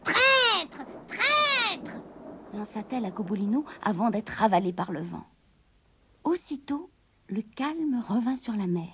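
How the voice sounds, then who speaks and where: A woman reading a children's story aloud in an expressive way, often dropping to a whisper. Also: medium pitch, normal speed, slight background noise.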